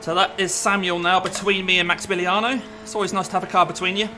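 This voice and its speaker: A man's voice: sits high, level tone, fast talker. A man chattily thinking aloud as he gives casual running commentary while driving in a racing game. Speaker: sim racing driver and commentator. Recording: clear car engine noise behind. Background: racing car engine.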